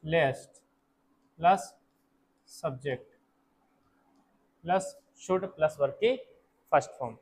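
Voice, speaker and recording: A man's voice: sits high, low-quality recording. A man with a Hindi accent teaching a classroom English lesson, repeating points and quizzing students as he goes. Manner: slow, repetitive, drills students with questions.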